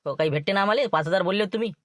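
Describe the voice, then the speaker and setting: Hushed scheming Vidarbha man. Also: sits high, rapid-fire, dry recording, clean studio sound. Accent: Vidarbha Marathi. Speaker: sketch comedy actor. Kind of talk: comedy sketch dialogue.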